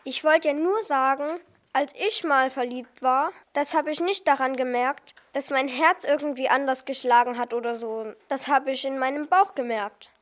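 A woman's voice: high-pitched, normal speed, a bit bright. A woman voicing a stubborn, secretive young girl in a children's audio story, speaking defiantly.

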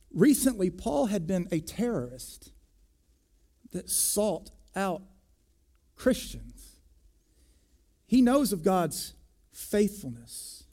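High-voiced man preaching emphatically. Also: sing-song, takes it slowly, vocal fry, pauses often, warm tone. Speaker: pastor. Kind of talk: sermon.

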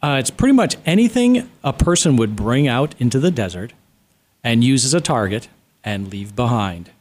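Man being interviewed in a radio studio, mid-pitched, plain matter-of-fact answers. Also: expressive, normal speed.

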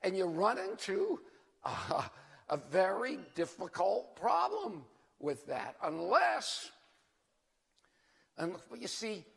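Older male preacher-lecturer, rambling professor type. High, gravelly voice, slow theatrical delivery, recorded in an echoey hall. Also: sing-song, a bit bright. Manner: rambling, digressive professor who loses his thread; theatrical, emphatic rhetorical questions. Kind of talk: religious lecture to an audience. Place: large reverberant hall. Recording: echoey hall with long reverb.

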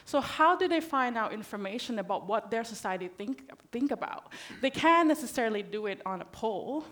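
A woman from Thailand speaking as a panelist, talking conversationally and often checking in with "right?". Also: medium pitch. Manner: conversational, frequent "right?" tags. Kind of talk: panel discussion talk.

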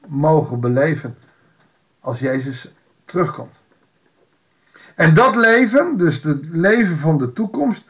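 A man's voice: fairly high pitch, fairly bright tone. A man giving an informal Bible devotional, reading a passage aloud and explaining it in a conversational way with wry asides.

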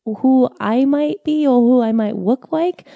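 A woman's voice: high voice, unhurried, vocal fry, dry recording, phone-quality sound. A woman chatting casually as a regular on a podcast. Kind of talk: casual chat.

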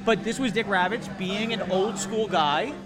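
A man who works as a political reporter, chatting casually as a podcast guest and telling animated stories. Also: high-pitched, normal speed. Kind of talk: casual chat.

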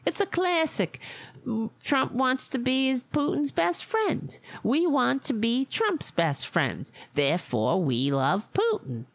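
In a satirical, mocking monologue, a woman impersonates a brash older Staten Island widow with a thick local accent. Her high voice is exaggerated, swinging widely in pitch as she takes it slowly and sarcastically, with no room sound.

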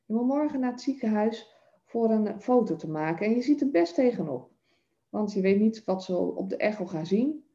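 A woman coaching her listeners through a self-help lesson, her voice gravelly with a dark, mellow tone. She speaks straight to the listener and builds her points from everyday examples. The recording sounds a little dull and lo-fi. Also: mid-range voice, expressive, normal speed. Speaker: coach giving a masterclass.

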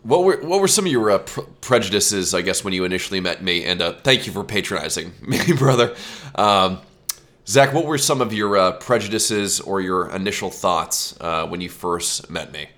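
A man's voice: low voice, animated, normal speed, fairly bright tone. A man in his late twenties from the United States, hosting a casual podcast chat and joking around with a lot of swearing. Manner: joking, profane, laughs often. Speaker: podcast host.

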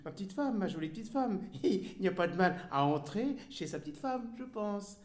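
A man's voice: high-pitched, sing-song, measured pace, voice pushed up, exaggerated voice. A man reading aloud voicing a foolish doting husband who stammers and coos mock-tender baby talk. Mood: cooing. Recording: roomy echo.

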